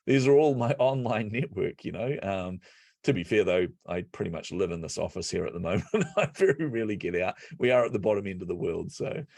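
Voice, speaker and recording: A man telling stories as a podcast guest and business coach, energetic and laughing often. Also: sits low, a little fast, creaky, no echo. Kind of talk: casual interview chat.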